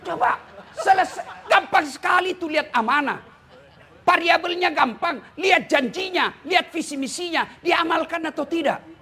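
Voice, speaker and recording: A man with a Makassar Indonesian accent preaching a lively sermon, teasing and scolding his listeners with jokes, over faint noise from a live venue. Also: very high-pitched, normal speed, a faint crowd.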